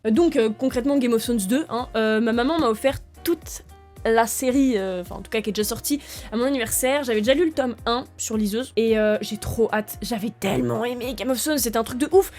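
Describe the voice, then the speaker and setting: A young woman chats to camera about books, excitable and full of fillers and restarts. Her voice sits a little high. Soft music plays quietly behind her. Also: fairly quick. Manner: chatty and excitable, with many fillers. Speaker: book vlogger. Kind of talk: casual chat to camera.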